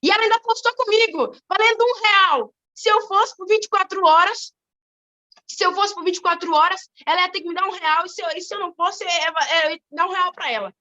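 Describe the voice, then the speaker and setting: A teenage girl giving an animated church testimony, telling her story in a quick, lively way. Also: extremely high pitch, lo-fi sound. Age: teens. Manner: animated, fast-moving storytelling. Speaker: testimony giver.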